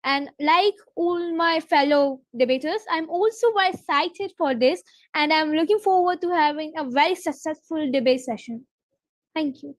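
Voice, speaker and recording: A woman's voice: high-pitched, normal speed, dry recording. A woman from India, politely and formally introducing herself as a debate delegate on a video call.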